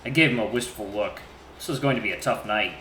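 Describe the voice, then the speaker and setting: A man giving expressive narration of a story. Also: on the low side, quick pace. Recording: roomy, faint background noise.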